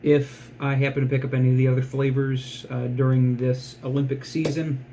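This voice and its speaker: A man giving a casual food review in a low-key, rambling, dryly joking way. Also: level tone, moderate pace, mellow, a little hiss or hum. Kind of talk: casual product review vlog.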